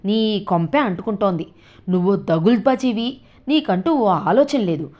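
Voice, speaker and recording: A woman voicing a sharp-tongued, nagging old grandmother in a read-aloud story, scolding and grumbling. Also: mid-range voice, lively intonation, moderate pace, muffled recording, natural voice. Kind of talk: storytelling with character voices.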